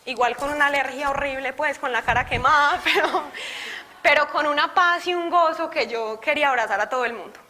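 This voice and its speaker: A woman giving a personal testimony to a church group, telling her story in an animated way and voicing her own past thoughts. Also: high-pitched, brisk, slight background noise.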